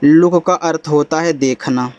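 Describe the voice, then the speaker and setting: A man teaches English step by step in a relaxed, friendly way, explaining things patiently. His voice sits high. The recording is close and dry, with no room sound. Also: unhurried, no echo. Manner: casual and friendly, says bhai and yaar. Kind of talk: spoken lesson.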